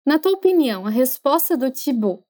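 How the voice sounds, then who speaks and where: A woman, teaching French in a podcast lesson, chatty and encouraging, slowing down to model pronunciation. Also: sits high, sing-song, mellow.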